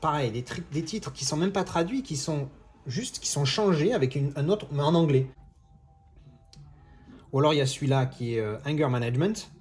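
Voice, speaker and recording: A man's voice: on the high side, expressive, normal speed, darkish tone. A man talking casually in a vlog monologue, rambling with many restarts and exasperated asides. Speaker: video creator.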